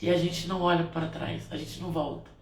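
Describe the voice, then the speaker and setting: Heard from a distance in a roomy space with faint ambient noise, a woman speaks quickly in a low voice with little pitch movement. She performs spiritual blessings, and at home she shares a rambling, heartfelt reflection, often starting her sentences over.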